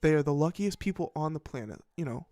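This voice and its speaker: A man with a fairly high, dark-toned voice talks fast and animatedly, recorded with no echo. He hosts a casual commentary podcast, reading headlines and reacting in a rambling, profane way, often interrupting himself and starting over.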